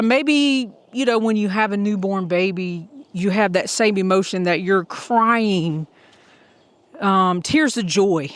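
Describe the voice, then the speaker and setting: A woman's voice: mid-range voice, a bit bright. A middle-aged woman, vlogging on a hiking trail, heartfelt and thinking aloud, sometimes out of breath. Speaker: hiker vlogging as she walks. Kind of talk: casual audio vlog.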